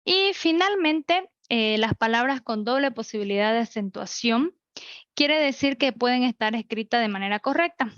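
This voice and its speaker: A woman's voice: fairly high pitch, animated, normal speed, a bit bright, no echo, lo-fi sound. A woman teaching an online class, explaining rules step by step with examples. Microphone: computer mic.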